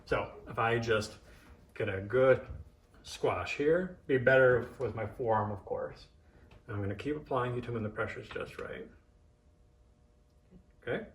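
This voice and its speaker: A man teaches in a casual, practical way, thinking aloud and giving short, simple cues. His voice sits at a middle pitch. It is picked up at some distance in an echoey room. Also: a little slow, long pauses. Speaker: massage therapist and instructor. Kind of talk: casual hands-on demonstration, instructing.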